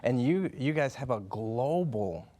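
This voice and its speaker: A man hosts a television talk show. He keeps his guests going with brief, encouraging remarks and simple questions. His voice sits at an ordinary pitch. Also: expressive, measured pace, dark tone. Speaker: host. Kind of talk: television interview.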